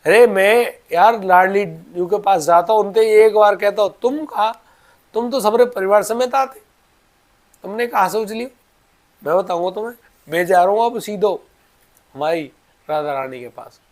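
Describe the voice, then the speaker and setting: A man doing a loud, stubborn old sadhu. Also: high-pitched, normal speed, voice pushed up, natural voice. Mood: indignant. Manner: scolding, rustic Braj dialect speech. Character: old male ascetic, stubborn and devoted.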